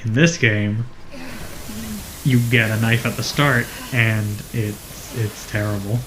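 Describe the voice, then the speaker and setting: A man's voice: fairly low pitch, fairly even intonation, takes it slowly, background noise. Man explaining a game, dry and wry. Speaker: let's play commentator. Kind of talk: casual gaming commentary.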